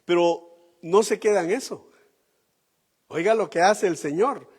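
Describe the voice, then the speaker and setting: A man preaching a sermon as pastor, slow and emphatic, asking the congregation rhetorical questions. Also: sits high, darkish tone, slightly rough, in a large hall.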